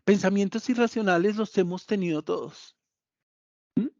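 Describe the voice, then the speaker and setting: A man's voice: high voice, normal speed, a little mellow, no room sound, muffled recording. A man giving a motivational psychology lesson, repeating key points and speaking directly to his listeners.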